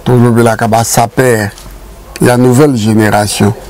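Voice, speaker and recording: Here the same kind of guest, an older Congolese man from Kinshasa, narrates his community's past in a relaxed studio conversation, blending Lingala with French and stressing his points forcefully. His voice is medium in pitch and somewhat dark, with a level tone and a moderate pace.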